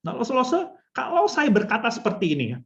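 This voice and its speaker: A woman's voice: a little high, big pitch swings, quick pace, gravelly, dull audio. A woman trainer teaching a storytelling workshop for children's ministry. She speaks instructively, addresses her listeners often and acts out short examples. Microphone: video call.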